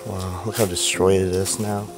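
A man's voice: deep voice, flat delivery, normal speed, over music. A young man vlogging casually while exploring an abandoned island resort, easygoing and chatty, a little sick with a fever. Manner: easygoing, exploring and commenting as he walks. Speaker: travel vlogger. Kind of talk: casual vlog narration. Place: abandoned island resort, outdoors and in empty rooms.

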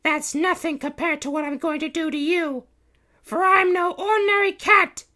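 A man's voice: extremely high pitch, steady tone, moderate pace, bright, forceful tone, voice pushed up, exaggerated voice. A man voicing a young heroic cat princess in a storybook, proud, defiant and declaiming. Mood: menacing. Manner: theatrical, declaiming.

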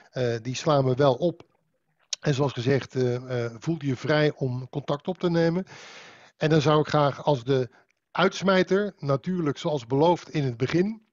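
A man's voice: mid-range voice, a little mellow, no room sound. A man in his forties wraps up an online session through a headset, his audio dull and completely dry. He is polite but hesitant, with frequent fillers. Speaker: moderator. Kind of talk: online meeting moderation.

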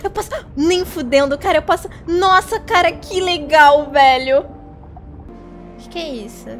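A young Brazilian woman chatting casually as a cute anime-style VTuber streamer, excitable and gushing as she plays a game. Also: high-pitched, a little slow. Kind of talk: casual live game-stream commentary to chat. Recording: game music behind. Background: video game music.

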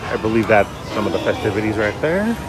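Talking fast in a lowish, sing-song voice, a man vlogs casually while walking around an outdoor theme park, cheerfully pointing things out. The audio is poor, with loud crowd noise and park music outdoors.

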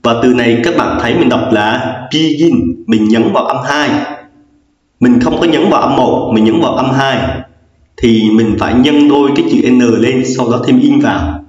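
A male teacher walks through a grammar lesson at a steady, patient pace, going back over every rule with frequent fillers. The room gives a heavy, lingering echo, and the recording sounds dull and lo-fi. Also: mid-range voice, normal speed, soft background music. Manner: patient, repetitive explaining with many fillers. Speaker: English teacher.

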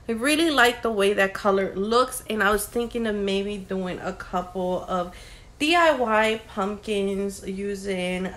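A young woman, a lifestyle vlogger, chats casually to her phone camera held at arm's length in her living room at home. She rambles through the vlog with plenty of fillers, her mid-range voice fairly bright in tone.

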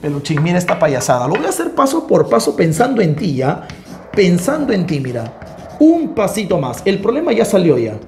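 A man teaching math in a lively, joking, coaxing way. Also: high voice, a little fast, faint music behind. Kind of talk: animated math lesson.

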